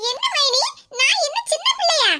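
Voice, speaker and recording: A woman's voice: very high voice, sing-song, a little slow, heavy background noise, voice pushed up, heavily acted. A woman voicing a talkative young co-mother-in-law who reasons at length, in a cartoon, with a Kanyakumari Tamil accent. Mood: chatty reasoning. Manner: talkative, explains at length, laughing.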